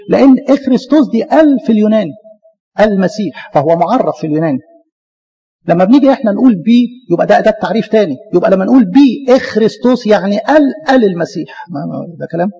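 A man with an Egyptian Arabic accent giving a lively church lecture, talking to his listeners as his beloved. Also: high-pitched, vocal fry, husky, long reverb tail, lo-fi sound. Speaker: Coptic church speaker.

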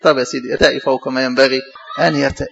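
A man with an Egyptian accent, a priest giving a sermon, animated, with mocking asides to the congregation. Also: medium pitch, rapid-fire, gravelly, dull audio, a little hiss or hum. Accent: Egyptian Arabic.

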